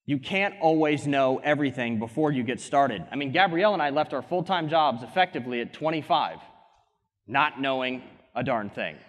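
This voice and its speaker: A young man giving an energetic motivational keynote on a conference stage through a headset mic. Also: medium pitch, moderate pace. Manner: energetic, gesturing, quips at co-speaker. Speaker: keynote speaker. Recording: hall reverb from a conference stage.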